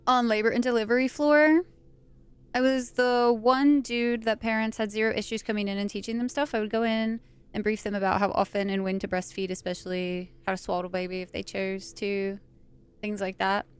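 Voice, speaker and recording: A woman's voice: medium pitch, flat delivery, a little fast, clear, resonant tone. A young woman live-streaming a game, chatting casually and playfully, swearing now and then, close on the mic. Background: faint game music.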